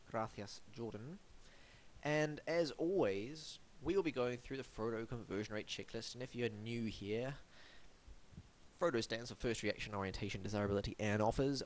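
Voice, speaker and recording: Speaking in a lowish voice with a slight hiss or hum, a man hosts a web design review as a scripted monologue. He's stuffy and sniffling with hay fever, delivering his lines in a wry, theatrical, mock-formal way.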